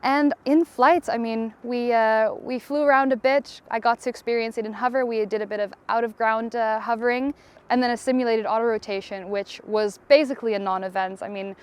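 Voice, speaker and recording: Woman pilot from Tanzania, smooth clear voice, eager testimonial delivery with small restarts. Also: a little high, fairly even intonation, brisk. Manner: enthusiastic, with a few fillers and restarts. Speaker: helicopter pilot. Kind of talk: promotional testimonial.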